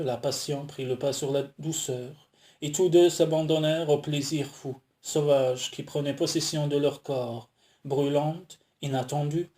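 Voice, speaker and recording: A man reading a romance novel aloud as an audiobook narrator, in a measured, smooth storytelling manner. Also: on the high side, mellow. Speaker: audiobook reader.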